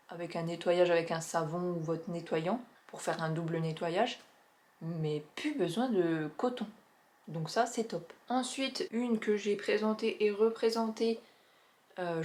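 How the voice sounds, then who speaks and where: A young woman talking casually to camera about skincare products she has used up, chatty and enthusiastic, with many filler pauses. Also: fairly low pitch, a little mellow. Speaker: beauty vlogger reviewing finished products. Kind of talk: casual product review vlog.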